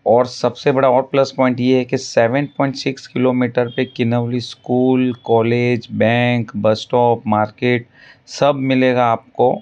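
A male land broker talks over drone footage in a steady middle-pitched voice. His patter circles back again and again to the same selling points. The recording is dull and slightly lo-fi. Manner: pitchy, repetitive salesman patter. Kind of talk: property sales voice-over.

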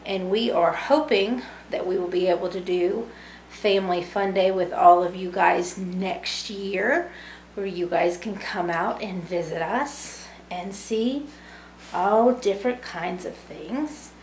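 Her voice is mid-range and darkish, and she takes it slowly as she reads a picture book to young children. She's a woman in her thirties volunteering as a student, using simple talk and tag questions, recorded indoors in a small, echoey brick-walled room with background noise.

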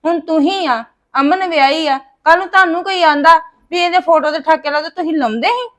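A woman plays a protesting mother in a family drama. Her voice is high, and she argues her side with indignation. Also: fairly quick, fairly bright tone. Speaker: actor in a family skit. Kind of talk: scripted Punjabi family drama.

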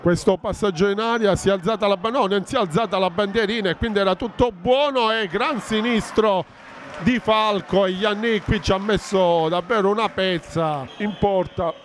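Male football commentator, high register, breathless and urgent, noisy outdoor ground. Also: normal speed. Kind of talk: excited Italian football highlights commentary. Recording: noisy open-air stadium ambience.

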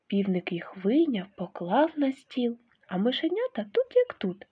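Teacher lady reading a fairy tale to little kids, lively sing-song voice, kinda husky, tinny phone sound. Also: on the high side, measured pace. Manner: expressive storytelling.

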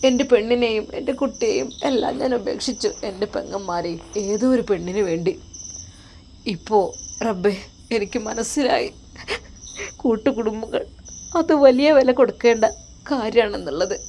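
A woman voicing a remorseful young husband begging forgiveness, speaking softly in a choked, pleading way with a Malabar Malayalam accent. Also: medium pitch, normal speed, vocal fry, long pauses, slight background noise, lightly acted.

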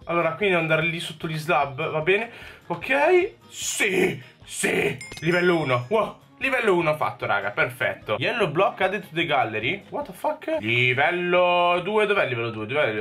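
A young man with an Italian accent commentating his own video game play, excitable, swearing and talking to himself. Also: on the high side. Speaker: gaming YouTuber. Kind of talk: Minecraft parkour gameplay commentary.

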